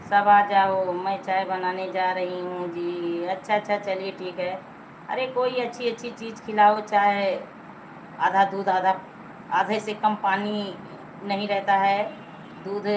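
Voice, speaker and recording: A middle-aged woman hosts a casual live stream, her voice medium in pitch against a noisy background. She chats with her viewers, teases them, and coaxes them to like and comment.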